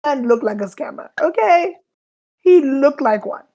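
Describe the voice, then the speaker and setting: A woman's voice: high-pitched, animated, moderate pace, dark tone. A young woman from South Africa co-hosting a casual reality TV review chat, emphatic and opinionated, repeating her points for stress. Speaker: co-host of a reality TV review show.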